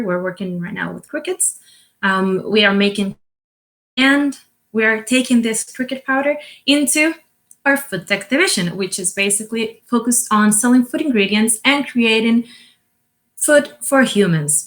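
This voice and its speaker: Her voice mid-range and slightly bright, a Costa Rican co-founder and CEO walks listeners through her company in a business presentation. She comes across as earnest and explanatory, frequently restarting and using fillers.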